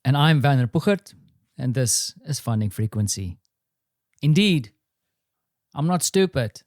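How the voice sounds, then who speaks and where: A man's voice: mid-range voice, animated, a little slow, a little mellow, no echo, studio quality. A middle-aged man hosting his own podcast, rambling and self-deprecating in a casual solo monologue. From South Africa. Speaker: podcast host. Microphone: studio microphone.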